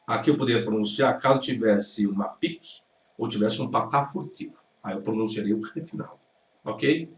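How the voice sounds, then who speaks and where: A man's voice: on the low side, moderate pace, a little hiss or hum. Brazilian male teacher, corrective lecture tone, heard from a distance in a roomy space. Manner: didactic, corrective, repeats pronunciations. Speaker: Hebrew teacher reacting to a video. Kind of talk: critical lecture commentary.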